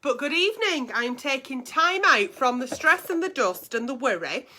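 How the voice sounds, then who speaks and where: Campy, bright-voiced woman host. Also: sits high, very animated, moderate pace, slight background noise. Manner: campy, theatrical, cheeky auntie persona with playful repetition. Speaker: host of a live online advice show. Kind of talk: chatty livestream, reading out viewers' messages. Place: bedroom at home.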